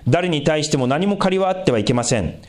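A man giving a conversational sermon as a pastor, asking the congregation questions and swinging his pitch for emphasis. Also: expressive, fast, a little mellow.

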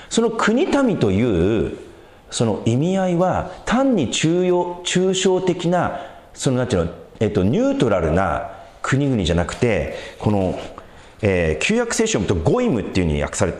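A man preaching a sermon as a pastor, in an animated, conversational way with big swings in pitch. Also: roomy sound.

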